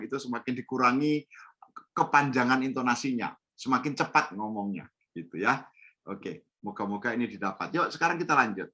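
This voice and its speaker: A man's voice: medium pitch, sharp tone. A middle-aged man training teachers in storytelling over a video call from home, explaining in an instructive way and often repeating key points with a tag "ya". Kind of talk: online training webinar.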